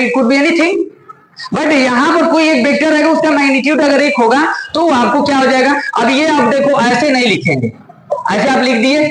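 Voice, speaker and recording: A man teaching math to a class, explaining step by step and teasing and scolding students, checking often that they follow. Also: extremely high pitch. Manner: scolding and joking with students, repeated check-ins. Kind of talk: classroom lecture. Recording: echoey classroom with student chatter.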